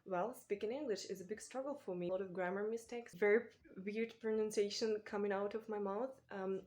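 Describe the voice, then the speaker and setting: A woman from Ukraine with a Ukrainian accent, a native Ukrainian speaker, talking casually to camera as a booktuber in a thoughtful, halting way. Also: mid-range voice, fairly even intonation. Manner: thoughtful, halting, with small restarts and soft laughs. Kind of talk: casual vlog talk to camera.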